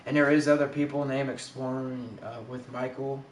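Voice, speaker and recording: A man chats loosely on a livestream and drifts through fillers and restarts at a middling pitch. His voice rings with heavy echo, picked up by a camera mic set well away from him. A faint hum of background noise sits underneath. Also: flat delivery, normal speed, far from the mic. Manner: rambling, with many fillers and restarts. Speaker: livestream host. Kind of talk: casual livestream chat.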